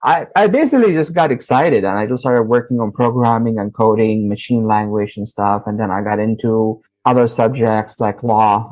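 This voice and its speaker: A man from Saudi Arabia telling his life story as an interview guest, animated and often laughing. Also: mid-range voice, rough recording.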